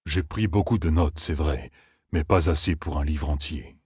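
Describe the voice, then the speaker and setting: A man voicing a gentle, timid giant creature who speaks slowly and hesitantly. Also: very deep voice, husky, no echo, clean studio sound, voice pushed down, heavily acted. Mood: plaintive. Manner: slow, hesitant, mumbling. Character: gentle giant male Ogier scholar, timid.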